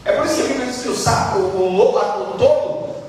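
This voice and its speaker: A male pastor preaching a sermon, acting out Bible figures and swinging between loud and hushed delivery. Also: very high voice, expressive, a little fast, slight background noise. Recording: echoey hall, voice from far off.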